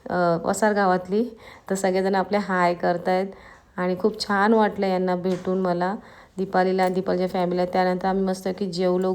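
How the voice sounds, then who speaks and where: A woman from Maharashtra narrating a casual vlog in a hoarse voice that is giving out, chatting straight to her viewers. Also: medium pitch, a little mellow. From Maharashtra, India. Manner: chatty, addresses viewers directly. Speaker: vlogger.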